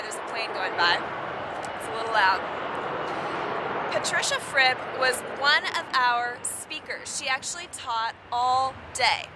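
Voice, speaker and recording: A woman's voice: sits high, noisy background. A woman vlogging outdoors, giving storytelling tips in an upbeat, emphatic way and repeating her key points. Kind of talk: casual instructional vlog.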